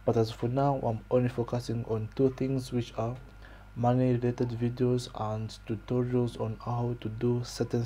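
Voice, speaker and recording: A man's voice: medium pitch, warm tone, a little hiss or hum. A young man from Zambia with a Zambian accent walks viewers through his own channel in a plain, explanatory way, often saying "okay" and "so", recorded on a desk webcam in a small room. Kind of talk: casual screen-share walkthrough. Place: small room indoors, pink-lit wall behind.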